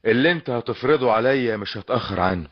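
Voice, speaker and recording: An actor playing an earnest, pleading young suitor in an old radio comedy drama, with an Egyptian Arabic accent. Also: male voice, medium pitch, expressive, quick pace. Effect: old lo-fi radio drama recording. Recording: dull lo-fi old radio recording.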